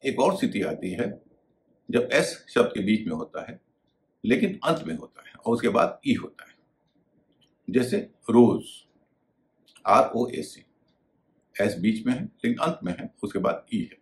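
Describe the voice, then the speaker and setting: A man's voice: medium pitch, very animated, measured pace, long pauses. A man teaching English pronunciation in a video lesson, spelling out words letter by letter.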